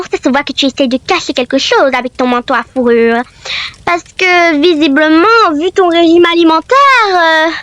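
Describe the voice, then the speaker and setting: A woman's voice: high-pitched, fairly bright tone, no echo. A woman voicing a catty, haughty young female K-pop trainee mocking her rivals in a role-play story.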